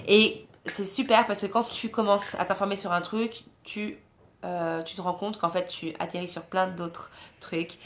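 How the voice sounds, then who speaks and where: A young woman from France chats straight to her phone camera, loose and encouraging, full of fillers and restarts. Her voice sits at a middling pitch, recorded in a guest room. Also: slight background noise. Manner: chatty, frequent fillers, encouraging. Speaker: travel vlogger. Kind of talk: casual vlog talk to camera. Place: guest room of a host's home, indoors.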